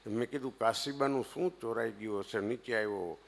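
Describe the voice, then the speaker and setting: A man's voice: medium pitch, a little fast, vocal fry. Kathiawadi man telling jokes on stage. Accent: Kathiawadi Gujarati. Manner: swings between loud punchlines and hushed asides. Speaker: stage comedian. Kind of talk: live comic storytelling to an audience. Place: stage before a seated audience.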